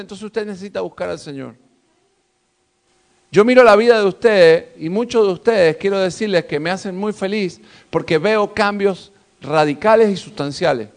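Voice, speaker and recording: A male pastor preaching a sermon, exhorting his congregation with fervent, emphatic rises in his voice. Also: high-pitched.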